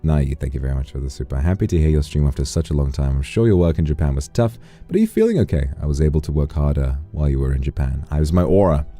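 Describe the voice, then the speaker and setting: A man's voice: a bass voice, animated, fast talker, hardly any pauses, warm tone, faint music behind. A man chatting casually on a livestream, playful, effusive and affectionate as he talks to his viewers and reads out their messages. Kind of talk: casual livestream chat, thanking and reading out messages.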